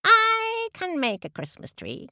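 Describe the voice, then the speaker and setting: A woman's voice: extremely high pitch, huge pitch swings, slow pace, vocal fry, bright, forceful tone, dry recording, studio quality, voice pushed up, full character voice. A woman voicing a proud, bossy peacock who gives orders grandly. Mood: boastful. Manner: grand and commanding.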